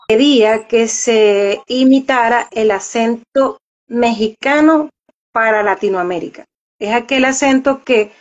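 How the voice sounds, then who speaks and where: Woman explaining, slightly high voice. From Venezuela. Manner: explanatory, repeats words while searching for them. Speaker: voice actress and journalist, guest. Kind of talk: casual interview chat. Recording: dull lo-fi audio.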